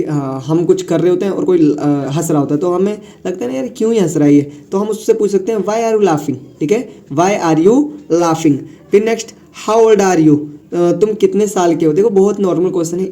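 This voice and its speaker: Man, young adult, high voice, mellow tone, casual English teacher, repeats phrases. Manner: repeats phrases and says "thik hai" often. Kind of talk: casual classroom explanation.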